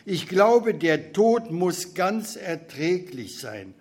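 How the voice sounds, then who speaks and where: A dying young soldier muses slowly and dreamily, in a wondering tone. A man puts him on in a reading. The pace is unhurried. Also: high-pitched, big pitch swings, a little mellow, breathy edge, exaggerated voice. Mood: dreamy.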